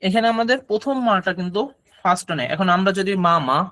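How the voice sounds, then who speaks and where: A man's voice: high voice, quick pace, pushed and bright. A man teaching a class about Chinese tones, explaining patiently and modeling syllables for students to repeat.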